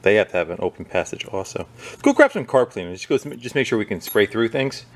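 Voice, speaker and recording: In a workshop fitted with a bench and a wire wheel, a fast-talking man with a fairly low pitch hosts a small engine repair video. Relaxed and chatty, he keeps talking as he works, now and then turning away from the microphone.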